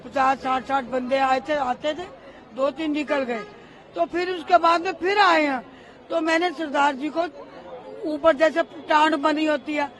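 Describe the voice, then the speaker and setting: An older woman giving an impassioned street interview as the widow of a riot victim, calling the reporter "beta". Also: high-pitched.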